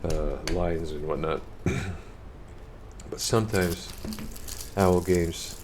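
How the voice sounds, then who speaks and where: A man streaming a game, reading out the story text in a monotone and commenting on it, with frequent restarts. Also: deep voice, slow pace, a little hiss or hum. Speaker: let's play streamer. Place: home streaming setup.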